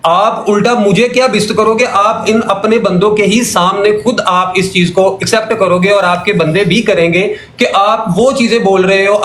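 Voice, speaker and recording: High-voiced man arguing on a call. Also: a bit bright, slight background noise. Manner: argumentative, numbers and repeats his points. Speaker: caller in a religious debate. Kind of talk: heated call-in argument. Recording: echoey room sound.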